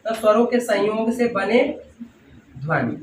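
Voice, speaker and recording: In a high, expressive voice at a measured pace, a man delivers a classroom lecture, repeatedly asking the class questions and calling the students "bhaiya" and "children." The room is echoey, his voice sounds distant, and class noise can be heard behind him.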